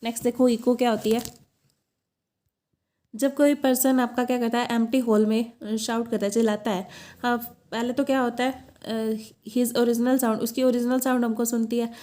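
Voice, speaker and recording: Woman teacher, higher pitch with a warm, mellow tone, lecturing step by step. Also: little pitch movement. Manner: explains step by step, asks herself questions, reads English definitions slowly. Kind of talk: classroom lecture.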